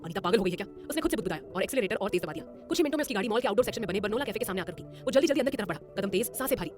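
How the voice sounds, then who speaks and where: A woman narrating a romantic audio drama in a brisk, expressive scripted style. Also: mid-range voice, faint music behind.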